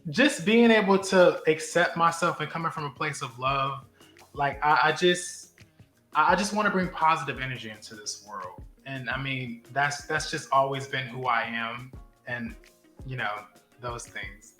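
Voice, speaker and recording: A man's voice: medium pitch, normal speed, pushed and bright, roomy sound, soft background music. A man from Buffalo, New York, chatting as a podcast guest in a bubbly, emotional way. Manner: bubbly, emotional, laughing often. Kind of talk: casual chat.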